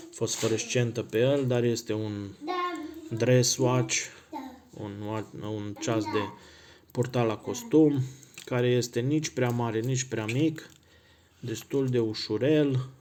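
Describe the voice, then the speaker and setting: A man's voice: mid-range voice, background noise. Man musing casually over a watch. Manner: relaxed, thinking aloud with pauses and self-corrections. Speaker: watch collector vlogger. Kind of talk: casual unboxing talk.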